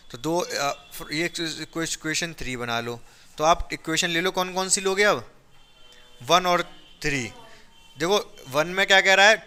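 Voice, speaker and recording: Bright, crisp-voiced male maths teacher. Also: high-pitched. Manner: coaxing, checks understanding often; repetitive, stresses reasons. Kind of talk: classroom maths lesson.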